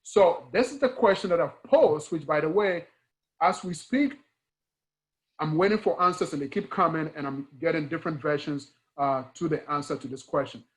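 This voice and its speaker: In a conversational interview with poor audio, a man from Ghana speaks earnestly at a moderate pace with a Ghanaian accent and a voice on the high side. He is a guest speaker and engineering educator who makes his points emphatically, repeating key words and asking rhetorical questions.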